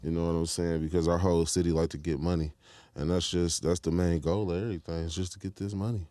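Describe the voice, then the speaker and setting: A man's voice: sits low, fairly even intonation, quick pace, mellow, no echo. A young man from Michigan, a rapper guest on a podcast, talking in a laid-back, slangy way and often asking if the listener follows him. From Detroit, Michigan, US. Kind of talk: casual interview chat.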